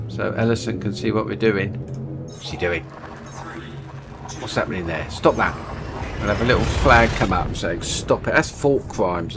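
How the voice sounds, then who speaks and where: A man with a speech impediment on R and S, saying w for r, chatting casually and rambling as he streams a game. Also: lowish voice. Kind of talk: casual rambling gameplay chat. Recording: clear background noise, vehicle-like game ambience.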